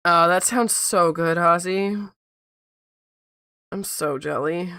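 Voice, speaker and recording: A woman streams casually while she draws, her voice squeaky from being sick. It sits a little low for a woman and crackles with gravelly fry. The sound is dry and close as she thinks out loud and repeats herself. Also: slow, no echo. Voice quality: squeaky, like a squeaky toy. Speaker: art streamer. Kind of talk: casual livestream chat while drawing.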